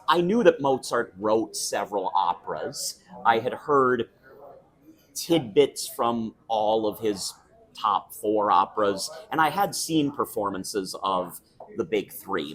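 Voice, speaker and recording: Speaking in a somewhat low voice, a young opera singer talks about his work during a casual interview at a restaurant. He's relaxed, thoughtful and unhurried, restarting sentences and laughing now and then.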